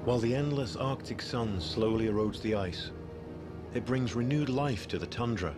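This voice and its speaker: A man delivers scripted nature documentary narration in a measured, storytelling way. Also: medium pitch. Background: background music.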